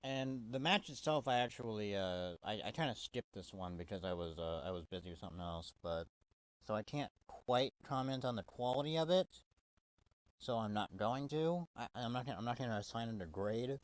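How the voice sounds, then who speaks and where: A man's voice: mid-range voice, fairly quick, no room sound. A man giving a casual, swear-heavy wrestling review, exasperated and full of restarts. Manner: profane, exasperated, stumbling restarts.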